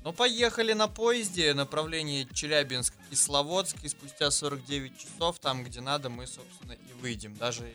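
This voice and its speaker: A man co-hosting a radio chat show, explaining things in a relaxed, unhurried way, his voice hollow and muffled as if he were speaking from inside a barrel. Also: on the high side, soft background music. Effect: hollow, muffled sound as if from inside a barrel. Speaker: radio co-host. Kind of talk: casual on-air chat.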